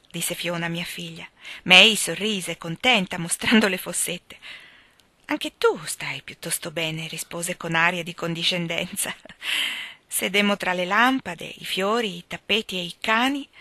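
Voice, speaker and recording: A woman reading a novel aloud, lifting her voice for the characters' lines. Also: dry recording. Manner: expressive, lifts her pitch for characters' lines. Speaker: reader of a novel.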